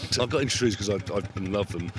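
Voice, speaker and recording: A man's voice: on the low side, fast. A man with an Essex accent giving casual interview answers. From Essex, England. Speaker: forestry worker and trainee. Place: outdoors at quad bike training site. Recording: outdoor recording with vehicle noise.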